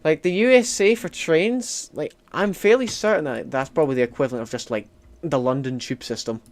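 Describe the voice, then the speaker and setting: A Scottish man streams a strategy game, chatting casually and rambling with heavy use of "like" fillers. His voice is fairly high-pitched and a little fast.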